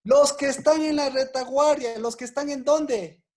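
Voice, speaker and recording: A woman preacher with a high voice leads an interactive Bible lesson at a moderate pace, repeating her questions to the listeners and growing excited at their answers.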